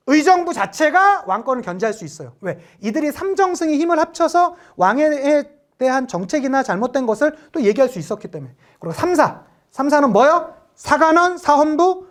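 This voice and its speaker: Woman lecturer, exam prep history class, high voice, bouncy animated delivery, keeps asking the class questions. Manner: asks rhetorical questions, acts out quotes.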